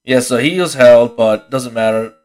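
A young man hosts a casual podcast on his own, worn out and yawning between thoughts. He rambles, restarts his sentences and swears freely, in a voice of ordinary middle pitch. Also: normal speed, darkish tone, smooth. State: tired, yawning. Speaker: podcast host. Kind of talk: casual solo sports podcast.

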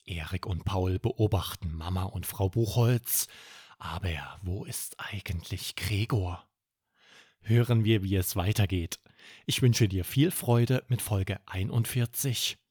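A man narrating a bedtime story for children in a calm, gentle, expressive way. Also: low-pitched, breathy edge, dry recording, studio quality.

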